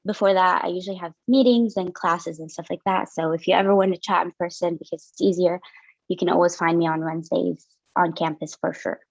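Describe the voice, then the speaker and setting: Speaking a little fast with a steady tone and some vocal fry, this young adult woman from Syria explains funding rules in her role as a student finance officer. Her voice is on the low side; the video call audio is dull and lo-fi, with no room sound, and she peppers her casual talk with fillers.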